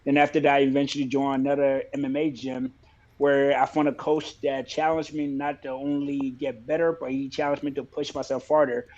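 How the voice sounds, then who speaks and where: A man from Liberia who fights professionally, talking about his career in a relaxed, plainspoken way in a casual interview. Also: medium pitch, a little fast, dull audio. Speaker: MMA fighter, guest.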